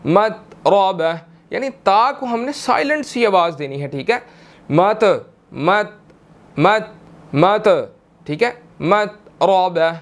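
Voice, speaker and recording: A young man with a Pakistani Urdu accent teaches Quran recitation, patiently explaining and repeating words slowly to model their pronunciation, with slow melodic recitation between explanations. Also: high-pitched. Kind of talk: tajweed lesson, explaining and demonstrating.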